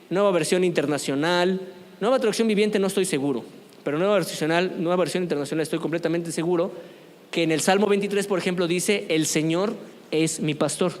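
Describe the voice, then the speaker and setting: A man's voice: sits high, long reverb tail. A man teaching a church youth group, speaking conversationally and often asking the group questions. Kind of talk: church youth lesson on apologetics. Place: church meeting room.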